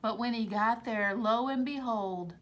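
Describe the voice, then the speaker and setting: Pausing to explain things to the young children listening, a woman reads a storybook aloud expressively, much like a teacher. Her voice sits on the high side.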